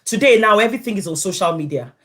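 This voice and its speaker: A woman's voice: medium pitch, animated, quick pace, a bit bright. A woman guest in a casual interview, telling her story and acting out the people she quotes.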